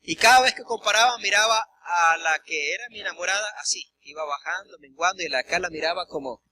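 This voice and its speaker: A man's voice: high voice, a little fast, sharp tone. A man, a pastor preaching a sermon, telling personal stories and addressing the congregation directly. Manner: acts out quoted dialogue, addresses congregation directly. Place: church service.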